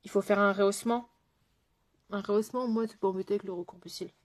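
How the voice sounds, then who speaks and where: A woman's voice: mid-range voice, steady tone, quick pace. A woman makeup artist chatting casually through a live makeup tutorial, answering viewers' comments as she works, with lots of fillers and sentences that trail off.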